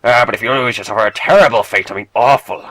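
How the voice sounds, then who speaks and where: A man's voice: medium pitch, fast, a bit bright, no echo. Man doing a gloating stone quiz master. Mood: smug. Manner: gloating, theatrical. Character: boastful stone quiz master, male, pirate-like. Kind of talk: game dialogue read aloud.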